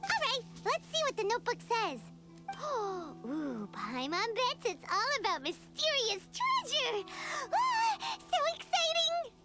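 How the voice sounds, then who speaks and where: A tiny floating game companion with a very high, squeaky voice that leaps wildly up and down. She chatters eagerly. Game music plays behind her. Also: wildly swooping pitch, slow, full character voice. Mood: excited. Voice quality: squeaky, chirpy, talks about herself in third person. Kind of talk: game voice acting.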